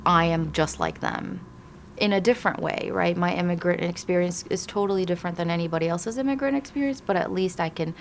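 A woman from Iraq, an immigration attorney, answering interview questions thoughtfully with frequent pauses and restarts. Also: lowish voice, slight background noise.

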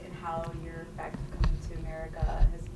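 A woman's voice: deep voice, monotone, fairly quick, creaky. A woman from the audience asking a question hesitantly, searching for words. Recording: far-off mic in an echoey room with loud noise.

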